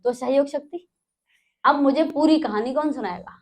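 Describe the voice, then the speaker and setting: Woman teaching a spiritual class, tells a story then keeps asking the room to repeat it, voice on the high side. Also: normal speed. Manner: quizzes listeners, repeating and recapping. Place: in front of a class.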